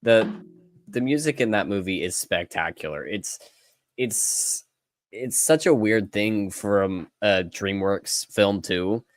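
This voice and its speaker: A man co-hosts a casual podcast chat in an easygoing, enthusiastic way. His voice sits fairly low. The sound is dry, with no room echo. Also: slow, faint music behind. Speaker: podcast co-host.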